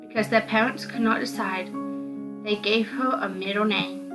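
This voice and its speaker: A woman hosts a visual novel read-through, reading the game aloud as dramatic narration over background music. Her medium-pitched voice has fairly even intonation at a moderate pace, and the audio quality is poor.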